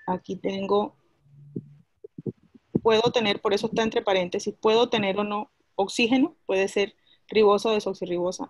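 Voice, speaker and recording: A woman's voice: mid-range voice, no room sound. A woman teaching a class, explaining a chemistry lesson step by step and asking her students questions as she goes.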